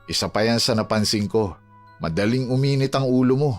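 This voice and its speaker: A man's voice: medium pitch, animated, fairly quick, close to an everyday voice. An actor playing a blunt, concerned coworker who pleads with his friend. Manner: earnest, pleading, plain-spoken. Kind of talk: audio drama acting. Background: music.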